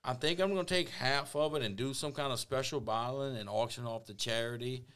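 A man's voice: mid-range voice, a little fast, fairly bright tone, smooth. A man with a Cajun accent chatting casually as a podcast guest, folksy and joking, with salty language. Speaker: guest, online cooking personality.

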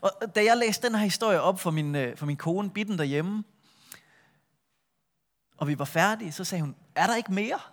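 A middle-aged man preaching a sermon, retelling a Bible story with lively shifts between a full voice and a soft hush. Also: high voice, long pauses. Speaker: pastor.

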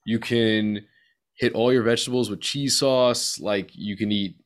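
A man with a fairly low voice hosts a podcast in casual chat. He speaks colloquially, as if to a close buddy. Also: fairly even intonation, measured pace. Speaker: podcast host.

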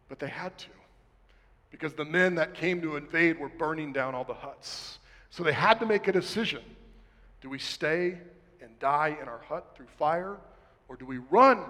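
A man delivers an impassioned sermon in a voice set a little high for a man, rising to loud emphasis and dropping to near-whispers. His words echo with a long reverb through a large hall. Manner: dramatic, swings from loud to hushed, slows for emphasis. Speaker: pastor.

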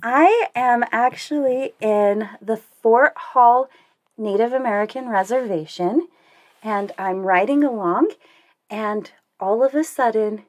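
A young woman telling a story in casual conversation, animated and laughing often as she acts out what she said. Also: fairly high pitch, takes it slowly. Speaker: guest telling a cycling story.

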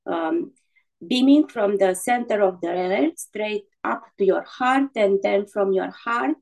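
Female guided meditation voice in a sleep story narrator manner: very unhurried, medium pitch, soothing, halting, improvised. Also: gravelly, rough recording. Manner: soothing, halting delivery with gentle instructions and repeated breathing cues.

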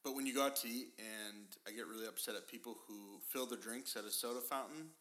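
A male host chatting casually, telling animated stories and laughing often. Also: mid-range voice, fast talker. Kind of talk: casual chat.

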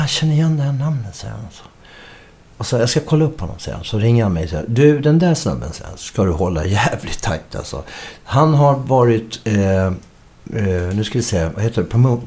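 A man's voice: lowish voice, darkish tone. A middle-aged man, a musician guest, telling a story in a casual interview, acting out the quoted dialogue and swearing casually.

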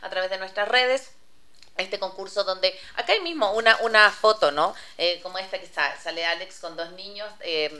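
A woman's voice: mid-range voice, moderate pace, pushed and bright. Woman co-host; casual, chatty delivery with frequent fillers. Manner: chatty, many fillers and restarts. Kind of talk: casual radio talk.

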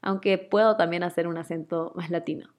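Brisk and steady in tone, this young woman speaks with a fairly low pitch and a Guayaquil accent from Ecuador. She answers listener questions as host of a casual chat, dropping in plenty of fillers and laughs.

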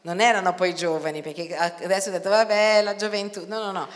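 A woman preaching a sermon in an animated way, swinging between quiet talk and loud outcries. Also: medium pitch, a little fast. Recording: long hall reverb.

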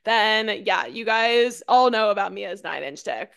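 A woman's voice: mid-range voice, lively intonation, measured pace, vocal fry, a bit bright, clean tone. A young woman co-hosting a podcast, chatting casually, filling in details and agreeing often. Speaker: podcast co-host. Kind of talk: casual chat.

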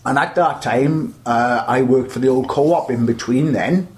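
A man's voice: mid-range voice, unhurried, a little mellow. An older man with a South Wales Valleys accent, reminiscing in a chatty, rambling way as an interview guest. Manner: rambling, chatty storytelling with repeated starts. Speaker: interview guest, veteran butcher.

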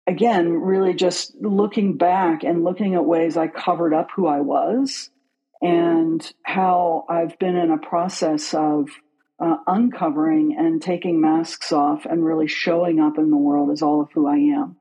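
Reflective guest from West Virginia, husky and mellow. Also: medium pitch, steady tone, measured pace, rough recording. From West Virginia, USA. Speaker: guest, business leader. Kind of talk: reflective personal storytelling.

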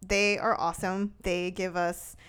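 A young woman co-hosting a podcast in casual chat, bubbly and quick to laugh. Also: lowish voice, flat delivery, fairly bright tone, clean tone. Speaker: podcast co-host.

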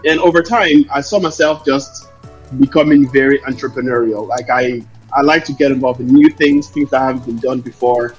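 A man from Togo, answering interview questions conversationally in a halting, self-correcting way. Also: mid-range voice, slightly rough, dull audio, soft background music. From Lomé, Togo; later Ireland. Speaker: interview guest, investor and founder.

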